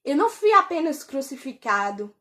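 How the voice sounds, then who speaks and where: Brief: woman voicing Jesus, calm gentle man, soft reassuring lines, high-set voice. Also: moderate pace, full character voice. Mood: solemn.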